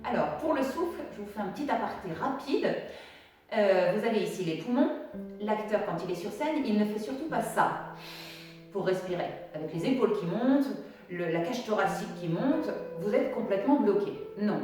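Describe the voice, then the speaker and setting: A woman drama teacher leading an acting warm-up, giving clear step-by-step instructions and demonstrating diction drills. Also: mid-range voice, animated, normal speed, heavy reverb, far from the mic, soft background music.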